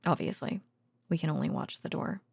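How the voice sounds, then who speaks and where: In an intimate ASMR roleplay, a woman plays a gentle researcher girlfriend murmuring secret work stories at bedtime. Her deep voice is dark, mellow, husky and breathy, often dropping to a whisper, and she speaks in a hesitant, halting, casual murmur. The heavily acted recording is very close and dry.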